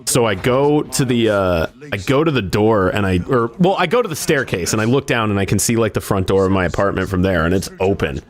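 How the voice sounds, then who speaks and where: A man hosts a casual game stream, talking in a fairly low, expressive voice at a quick clip with hardly any pauses. His stories ramble along, heavy on "like" and swearing.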